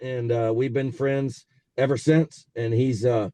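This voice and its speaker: A man's voice: medium pitch, flat delivery, unhurried, dark tone, no echo. A man in his forties with a Texan accent, telling stories casually as an interview guest over a car speakerphone while driving. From South Texas. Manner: easygoing, rambling, frequent fillers. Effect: talking on a car speakerphone while driving. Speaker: interview guest, racehorse owner. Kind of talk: casual storytelling over a phone call.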